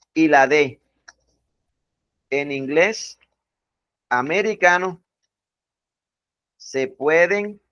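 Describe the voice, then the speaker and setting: This Colombian man teaches an English class, speaking slowly and repetitively, stressing each word one by one and asking students to confirm. His voice is fairly high and a bit bright, with no echo.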